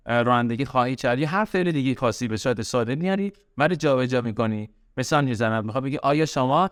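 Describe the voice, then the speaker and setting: A man with a Persian accent teaching English grammar in a recorded lesson, slowing down to spell out example sentences and drilling key words by repetition. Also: medium pitch, clean tone, no echo, clean studio sound.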